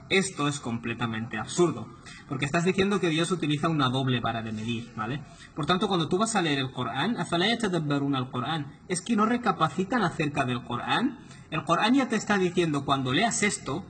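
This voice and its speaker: A man's voice: a little high, fairly bright tone, a little hiss or hum. A man giving a religious lecture, explaining points patiently and often checking in with his listeners. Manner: didactic, often asks "¿vale?". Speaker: Islamic lecturer. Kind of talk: explanatory talk.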